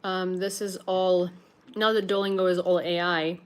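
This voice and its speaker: This Ukrainian-accented young woman from Ukraine chats through viewer questions on a relaxed livestream, her voice on the low side with a level tone and moderate pace. The headphone audio sounds clean, though her talk is full of fillers and restarts.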